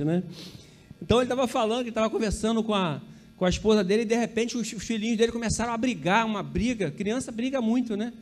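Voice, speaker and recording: A man's voice: high voice, darkish tone. A Brazilian man preaching a sermon as pastor, chatty and conversational, often checking in with the congregation and joking about his own slips. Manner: conversational, peppered with tag questions to the congregation; self-correcting, joking asides.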